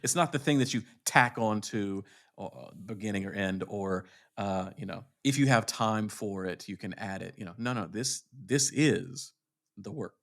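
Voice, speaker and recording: A man's voice: on the low side, moderate pace, vocal fry, a bit bright. A man hosting a podcast, talking in a thoughtful, easygoing way with many fillers. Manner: thoughtful, full of fillers and restarts. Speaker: podcast host. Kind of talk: casual chat.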